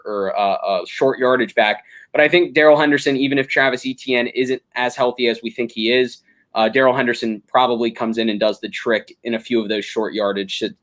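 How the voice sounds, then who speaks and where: A young man hosting a casual sports podcast, talking through games analytically with frequent ums and restarts. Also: medium pitch. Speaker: podcast host.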